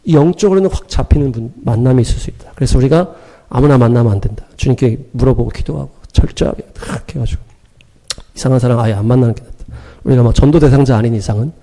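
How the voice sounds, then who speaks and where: Fast-talking animated male preacher. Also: medium pitch. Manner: animated, emphatic storytelling with sound-word punches; acts out quoted dialogue, chuckling. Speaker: pastor. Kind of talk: sermon.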